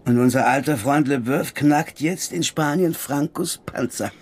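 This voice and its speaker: A supporting actor in a German radio crime drama plays a jaded, defiant anarchist stage magician, speaking colloquially and chummily with a theatrical streak and a wistful mood. His male voice is fairly high, a little slow and a little mellow.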